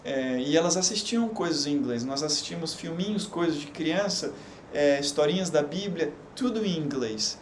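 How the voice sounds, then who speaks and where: A man's voice: on the high side, expressive. Chatty Brazilian man teaching on a live stream. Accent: Brazilian Portuguese. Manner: chatty, explains slowly with frequent fillers. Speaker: English teacher. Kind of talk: unedited live stream lesson. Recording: echoey room with faint background hum.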